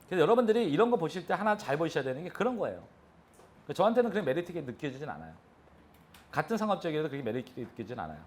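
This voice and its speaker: Guy lecturing a class, talks fast, voice jumps all over, keeps asking the audience stuff. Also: a little high. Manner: animated, poses questions to the audience. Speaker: real estate lecturer.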